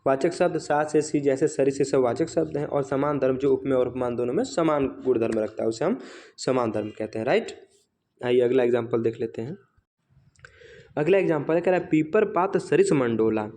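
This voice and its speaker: A male teacher giving a fast exam revision lecture, asking questions and answering them himself, often checking with "right?", and slowing down to recite example lines. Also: medium pitch, dark tone.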